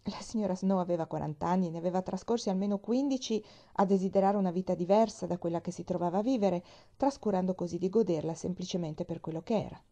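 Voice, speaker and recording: A woman reading a storybook aloud, calm and measured. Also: lowish voice. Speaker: reader. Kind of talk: audiobook narration.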